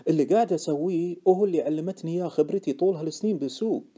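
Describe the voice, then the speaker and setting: A man's voice: fairly high pitch, warm tone, pitched above the performer's own voice, lightly acted. Man playing a cool, shrewd old trader. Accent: Gulf Arabic. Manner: cool, unhurried, dry. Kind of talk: audiobook character voice.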